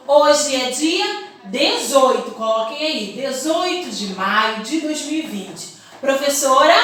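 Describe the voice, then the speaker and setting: A woman's voice: high voice, fairly bright tone, recorded from a distance, a little hiss or hum. A woman teaching young children in a recorded lesson, in a sing-song teacherly tone, stretching words out syllable by syllable. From Brazil. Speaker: primary school teacher. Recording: very echoey room, voice set back from the mic.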